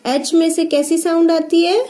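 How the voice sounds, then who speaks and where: A woman's voice: extremely high pitch, fairly even intonation, normal speed, mellow. A woman teacher who gives a phonics lesson for young children and sounds out each letter one by one.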